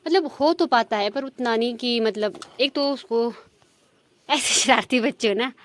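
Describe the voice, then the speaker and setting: A woman's voice: a little high, a little slow, no room sound. A woman with a Himachali Pahadi accent, chatting to her viewers as a village vlogger in a rambling way full of fillers. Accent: Himachali Pahadi Hindi. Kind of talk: casual chat to viewers.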